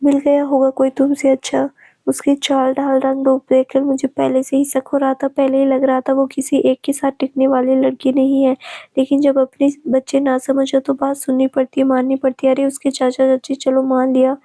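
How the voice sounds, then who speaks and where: A woman's voice: high-pitched, completely flat delivery, moderate pace, mellow. A woman reading a storybook, voicing a scheming middle-aged mother who talks in a complaining, self-righteous way.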